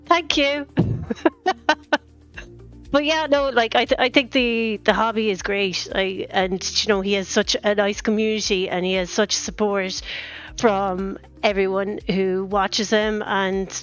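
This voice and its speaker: An Irish woman with a west of Ireland accent joins a stream as a guest. She talks casually at a medium pitch. The microphone sounds slightly muffled and lo-fi, with music behind her. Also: steady tone, measured pace, smooth. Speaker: guest on husband's live stream. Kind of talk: casual, informal chat.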